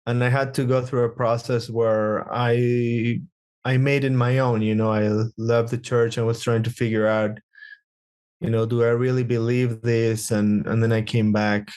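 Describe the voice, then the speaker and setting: A man's voice: mid-range voice, little pitch movement, a little slow, darkish tone, clean tone. A young man from Guatemala, a psychotherapist speaking as a podcast guest, talking casually and searching for words with frequent restarts.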